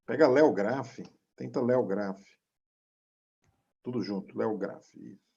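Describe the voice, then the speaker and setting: A man's voice: fairly low pitch, slow, gravelly, warm tone, slightly rough. A man taking part in a webinar, giving short, helpful replies over a call. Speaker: webinar participant. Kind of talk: casual chat. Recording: dull lo-fi call audio.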